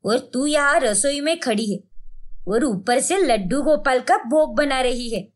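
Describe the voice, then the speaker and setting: A woman's voice: high voice, a little slow. A woman voicing a strict, traditional mother-in-law who gives orders and scolds in a cartoon story. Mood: scolding. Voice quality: scolding, commanding.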